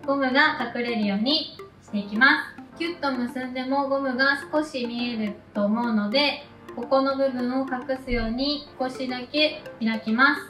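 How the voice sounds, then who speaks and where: High-voiced woman narrating hair steps. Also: soft background music. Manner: gentle, unhurried, instructional. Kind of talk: calm step-by-step voice-over instruction. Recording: echoey room, a bit distant from the mic.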